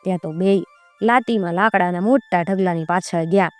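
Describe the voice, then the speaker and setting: A woman storyteller, narrating a folk tale in a lively, colloquial way. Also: fairly low pitch, a little fast, dry recording, soft background music.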